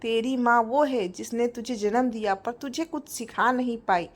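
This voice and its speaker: A woman's voice: fairly high pitch, moderate pace, close to an everyday voice. A woman voicing an angry, stubborn older mother-in-law who scolds harshly. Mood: scolding.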